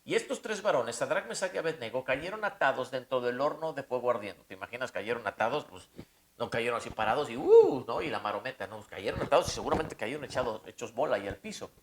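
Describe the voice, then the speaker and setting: A man's voice: mid-range voice, animated, fast. A man preaching a conversational Bible-study sermon, often putting rhetorical questions to the listener.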